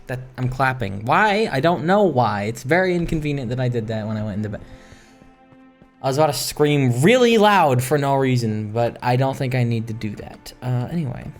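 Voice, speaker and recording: With soft music playing underneath, a gaming host narrates a rambling, casual Minecraft let's-play in an expressive, mid-range voice at a moderate pace. The chatter is informal and reflective, including grumbling about minor complaints.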